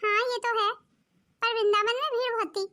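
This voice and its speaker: A woman's voice: very high voice, level tone, normal speed, bright, forceful tone. Woman doing a thrifty, sensible elder daughter-in-law. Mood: calm. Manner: sensible, matter-of-fact.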